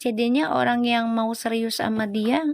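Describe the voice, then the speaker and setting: A woman with a high, bright voice runs a live tarot stream. She chats easily and teases her viewers, calling them out by name as she talks through the cards. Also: fairly even intonation, normal speed, gravelly. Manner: chatty, teasing, greets viewers by name. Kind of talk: casual live-stream chat and tarot reading.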